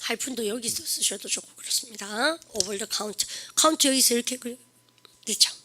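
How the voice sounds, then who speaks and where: A middle-aged woman gives an English vocabulary lesson in a bright, somewhat high voice. She keeps prompting her students to repeat after her. She stretches each English example phrase out slowly. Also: slight background noise. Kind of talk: classroom lecture.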